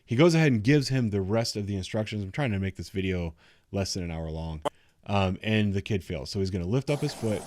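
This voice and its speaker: Low-voiced man giving explanatory commentary. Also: fairly quick, darkish tone. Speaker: commentator reviewing police footage. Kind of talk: unscripted explanatory video commentary.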